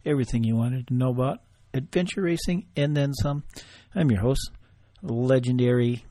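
A man hosting his own podcast alone, chatting in a loose, offhand way and thinking aloud with pauses. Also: mid-range voice, dark tone. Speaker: podcast host. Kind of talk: casual solo podcast monologue.

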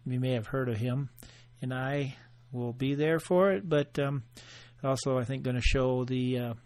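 A man hosting his own podcast alone, chatting in a loose, offhand way and thinking aloud with pauses. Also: mid-range voice, a little mellow. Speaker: podcast host. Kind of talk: casual solo podcast monologue.

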